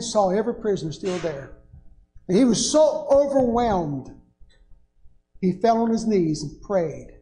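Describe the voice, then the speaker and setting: Speaking through a pulpit microphone in an echoey church sanctuary, this older pastor delivers a sermon with rising, emphatic bursts. His voice sits high and has a slightly mellow quality.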